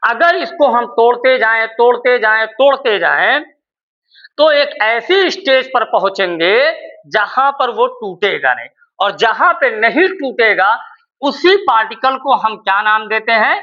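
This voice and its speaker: A man's voice: extremely high pitch, expressive, a little slow, sharp tone, highs cut off. A male chemistry teacher giving a classroom lecture, dictating notes word by word and answering his own questions with repeated key words.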